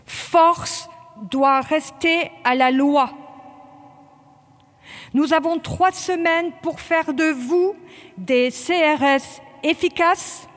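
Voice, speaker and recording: Woman doing a stern drill lieutenant, clipped barked orders, high voice, long hall reverb. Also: extremely slow, fairly bright tone, exaggerated voice. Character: stern male police training lieutenant drilling recruits.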